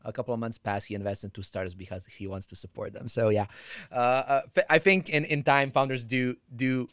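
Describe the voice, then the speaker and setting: A man's voice: medium pitch, steady tone, fairly quick, fairly bright tone, dry recording, clean studio sound. A man hosting a podcast interview, asking long conversational questions. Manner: conversational, rambling questions with restarts. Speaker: podcast host.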